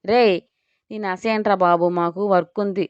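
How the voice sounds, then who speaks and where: A curt, mocking young boss, as a woman reads him in an audio story. The voice is smooth and clean, set in a dry, slightly dull recording. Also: medium pitch, steady tone, normal speed, no room sound, natural voice. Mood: bossy. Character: young man, bossy, teasing office boss.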